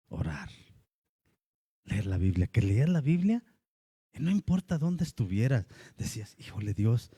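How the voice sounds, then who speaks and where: A man with a Mexican Spanish accent, a pastor preaching a lively sermon and acting out the voices of churchgoers. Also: on the low side, breathy edge, no echo.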